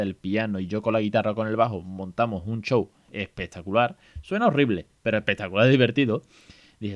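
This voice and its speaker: A man, hosting a podcast in a chatty, colloquial, self-mocking way. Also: fairly low pitch. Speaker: podcast host and parent. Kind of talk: casual podcast monologue.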